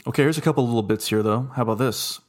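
A man's voice: mid-range voice, rapid-fire. A man hosting a casual film discussion, talking in an enthusiastic, jokey way. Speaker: podcast host.

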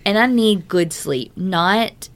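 A woman's voice: mid-range voice, animated, takes it slowly. A woman co-hosting a podcast, reading a listener's story and chatting casually, emphatic and profane, with frequent "like" as a filler. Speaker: podcast co-host. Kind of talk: casual chat and reading aloud.

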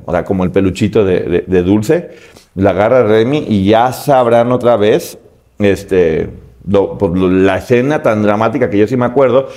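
A man's voice: mid-range voice, warm tone. A man with a Mexican Spanish accent casually retelling a cartoon's plot in a spoken review, joking and sarcastic, often correcting himself mid-sentence.

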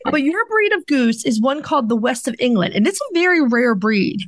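A woman's voice: high voice, big pitch swings, fairly quick, dry recording, studio quality. A woman co-hosting a podcast, chatting casually and asking her guest questions with enthusiasm. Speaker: podcast co-host.

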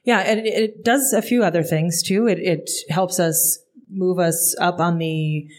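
A woman with a slightly low voice co-hosts a live podcast, talking in loose, chatty banter. She restarts her sentences, trails off and pokes fun at herself. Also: fairly even intonation, a little mellow. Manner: chatty, self-deprecating, halting restarts. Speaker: podcast co-host. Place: brewery venue before a live audience.

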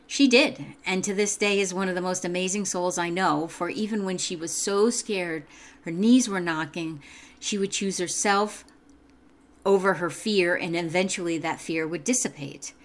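A woman host reading her own self-help writing aloud in a calm, measured, earnest way. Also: lowish voice.

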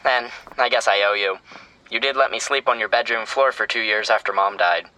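An actor playing a sentimental, teasing young American younger brother in a naturalistic audio drama. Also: male voice, fairly low pitch, fairly even intonation, a little fast, pushed and bright, no echo, low-quality recording. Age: young adult. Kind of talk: scripted audio drama, phone conversation.

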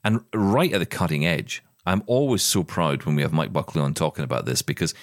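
A British podcast co-host with a bass voice chats enthusiastically about tech news, often restarting his sentences. He talks a little fast, and the recording is dry and studio quality.

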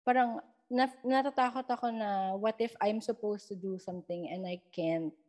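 A woman's voice: medium pitch, normal speed. Filipina woman telling ghost stories. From Philippines. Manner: mixes English into Tagalog, animated retelling with quoted dialogue. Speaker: guest storyteller. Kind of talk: casual storytelling chat.

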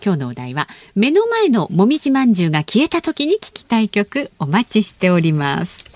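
A woman's voice: medium pitch, wildly swooping pitch, brisk, no echo. A woman co-hosting a radio show, reading listener mail and notices, giggly in the banter. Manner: bright, giggly, reads notices smoothly. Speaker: radio announcer and co-host.

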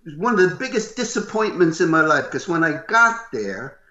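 Older guy, gruff and loud, bright edgy tone, tells stories with lots of life, slightly dull roomy recording. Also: a little high, fairly quick. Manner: animated, acts out what others said. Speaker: voice actor guest. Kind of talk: interview storytelling.

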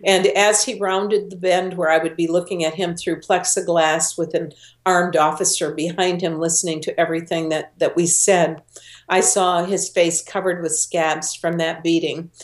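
A woman's voice: on the low side, level tone, normal speed. A middle-aged woman, a guest in an interview, telling a personal story earnestly and voicing the people she quotes. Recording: roomy echo.

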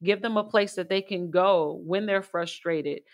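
A woman's voice: lowish voice, unhurried. A middle-aged woman talking casually as a parenting expert, telling stories with light laughs and frequent fillers. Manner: warm storytelling with light laughs, many fillers. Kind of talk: conversational advice.

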